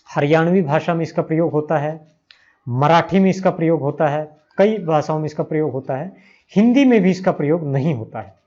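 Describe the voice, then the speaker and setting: Slow, patient Sanskrit teacher, man. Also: on the high side, darkish tone. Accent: Hindi. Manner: patient, repeats sounds aloud for learners. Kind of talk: slow spoken grammar lesson. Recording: slightly dull lo-fi recording.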